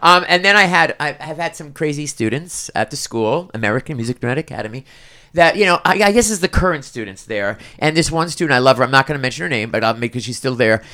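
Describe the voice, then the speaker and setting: Bright-voiced animated male podcast host. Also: medium pitch, no echo, clean studio sound. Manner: animated, quick restarts and repeated words. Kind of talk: casual storytelling chat.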